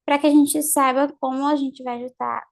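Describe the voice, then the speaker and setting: A woman teaching English pronunciation, explaining in Portuguese and repeating English example phrases slowly for students. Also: high-pitched, steady tone, vocal fry. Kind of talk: online lesson, mixing Portuguese and English.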